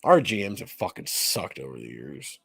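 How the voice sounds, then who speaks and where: A man's voice: deep voice, moderate pace, vocal fry, breathy edge, no room sound. A man co-hosting a podcast in casual sports chat, swearing a lot and laughing often, recorded close on a dry mic. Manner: profane, animated, laughs often. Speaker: podcast co-host.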